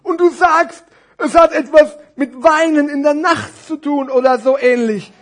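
A man voicing a thick, slow-witted scarf gift in a storybook tale, asking naive questions and mixing up words. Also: very high-pitched, pitched above the performer's own voice. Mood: puzzled.

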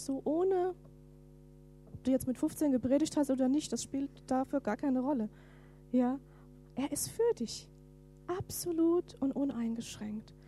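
Female preacher, high-pitched, dramatic scripture reading with whispered asides. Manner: animated, reads scripture dramatically, drops to whispers. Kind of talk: sermon.

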